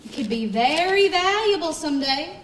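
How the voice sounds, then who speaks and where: Give me a young woman playing a dry-witted editor, high-pitched, with an echoing, distant stage sound. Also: lively intonation, moderate pace. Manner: crisp, dryly sardonic. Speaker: actor. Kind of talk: stage acting. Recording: roomy stage from far off, faint hiss.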